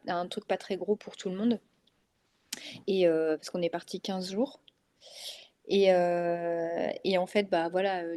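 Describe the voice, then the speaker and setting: A woman in her thirties with a northern French accent, a mother of three, speaks in a fairly low, mellow voice. As a guest in a casual interview chat, she's hesitant, with many fillers and restarts.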